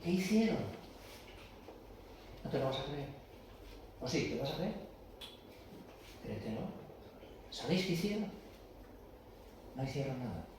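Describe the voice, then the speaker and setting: A man preaching a sermon, swinging from loud, impassioned proclamations to hushed, intimate asides. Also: mid-range voice, sing-song, unhurried, pauses often, background noise. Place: church. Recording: echoey church from far off.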